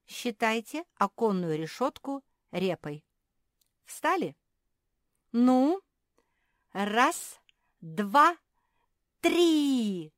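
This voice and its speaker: A woman's voice: mid-range voice, expressive, measured pace, no room sound, clean studio sound, voice pushed up, lightly acted. A woman voicing a brave, bossy young female pet animal in a storybook, giving orders eagerly. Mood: bold. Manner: commanding, eager.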